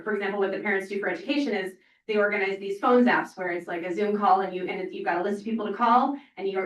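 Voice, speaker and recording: In a panel discussion recorded far off in an echoey space, a parent organizer talks with a medium-pitched, slightly bright voice. She comes across as earnest and emotional, wandering through her points with many fillers.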